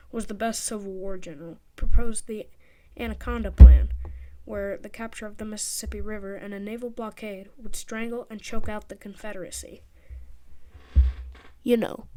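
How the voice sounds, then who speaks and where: A woman's voice: medium pitch, a little mellow. Jokey woman narrating history. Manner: jokey, sarcastic asides. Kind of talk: casual scripted narration. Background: background music.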